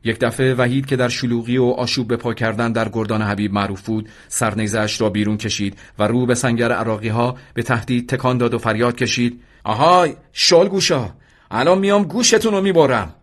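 A man reading a war story aloud in measured, solemn scripted narration. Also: medium pitch, flat delivery.

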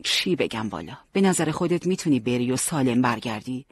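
A man voicing a teasing but caring young male fighter who leads his friends, with a husky voice. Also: medium pitch, lively intonation, dry recording. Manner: joking, bossy yet warm.

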